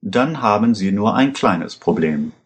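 A corrupt policeman who stays calm and commanding under a gun, as a man reading the story voices him. His voice sits low and the words come slowly and evenly. He speaks with a menacing steadiness. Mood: calmly threatening. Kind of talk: read-aloud story voice.

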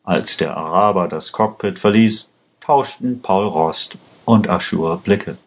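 A man narrating a language-learning story in a slow, careful, even reading. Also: low-pitched.

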